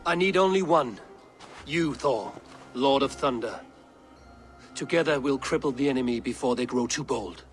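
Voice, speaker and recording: A man's voice: mid-range voice, moderate pace, pauses often, faint music behind, natural voice. A man playing a resolute Norse god-king and war leader in a video game, terse and authoritative. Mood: commanding, resolute. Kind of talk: dramatic video game acting.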